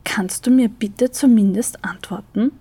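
A woman voicing a sharp-tongued young woman scolding her flatmate in an audio story. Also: medium pitch, measured pace, breathy edge, no room sound. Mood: indignant.

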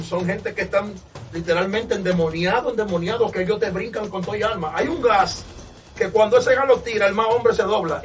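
A man, a pastor, giving an impassioned testimony that swings from loud exclamations to hushed storytelling. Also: high-pitched, far from the mic. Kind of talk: fervent preaching testimony.

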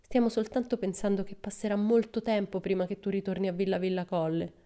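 A woman's voice: mid-range voice, level tone, a little fast, dark tone, voice pushed up, close to an everyday voice. A woman voicing an earnest, somewhat anxious young boy in a storybook reading.

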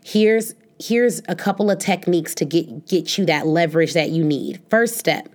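A woman's voice: on the low side, normal speed, darkish tone. A woman career coach hosting her own show, giving casual, emphatic advice and peppering her talk with "like" and asides.

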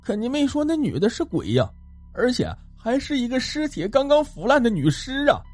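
Brief: man voicing excitable young disciple, high and husky, storybook tale. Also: moderate pace, soft background music, heavily acted. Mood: excited. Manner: excitable, brash. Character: brash young male disciple, lustful and excitable.

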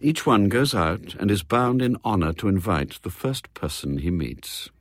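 A quiet, knowing gentleman, as a man voices him, low and softly husky, every word measured and calm. The reading is close and dry, with no room sound. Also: no echo.

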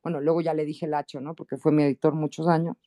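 A woman with a Mexican accent, appearing as a guest columnist on a laid-back podcast, recounts anecdotes quickly. She's animated and regularly leaps into high-pitched quoted voices.

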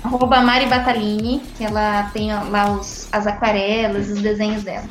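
A woman's voice: mid-range voice, level tone, normal speed, slight background noise. A Brazilian woman speaking casually as a guest on a podcast. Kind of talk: casual chat. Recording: roomy echo, faint music behind.

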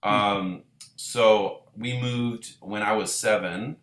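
A band leader from Israel talks at length in a casual interview, his low voice slow and reverberant. He's relaxed and rambling, full of fillers and restarts.

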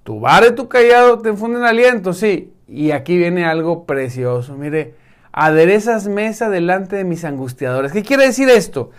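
A male preacher giving a sermon to an online congregation, emphatic, repeating words and dropping to soft, intense tones. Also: sits high, big pitch swings, moderate pace.

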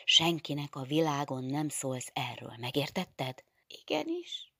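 A woman's voice: sits low, sing-song, creaky, sharp tone, slightly rough, dry recording, clean studio sound, full character voice. A woman voicing a stern, fretful middle-aged nun superior who scolds and gives orders in an agitated way. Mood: scolding.

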